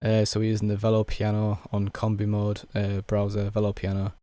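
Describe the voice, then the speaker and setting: In this casual software tutorial, a young man who produces music speaks fairly quickly in a low, flat, hoarse voice as his voice gives out. He walks through each step in a relaxed way, full of filler words, with no room sound.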